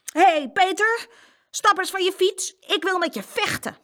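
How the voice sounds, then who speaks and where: A woman voicing a small, boastful young boy, shouting in a high, shrill voice. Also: unhurried. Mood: defiant.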